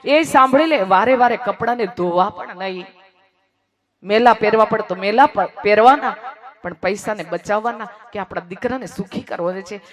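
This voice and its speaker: Swinging from quiet, hushed moments to loud, emphatic ones, this speaker relates an emotional moral story and repeats phrases for impact. Their voice sits mid-range and moves at a moderate pace.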